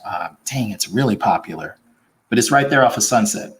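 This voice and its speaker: Laid-back guest, man, deep low voice, easygoing. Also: lively intonation, a little fast, slight background noise, rough recording. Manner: laid-back, repeats yeah. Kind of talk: casual chat.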